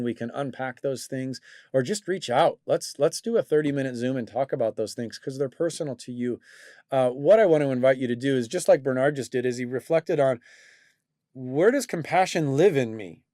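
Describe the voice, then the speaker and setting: A man's voice: mid-range voice, brisk, darkish tone, no room sound, clean studio sound. A man hosting a talk show, teaching and coaching in a reflective way with many fillers and restarts. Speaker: host and coach.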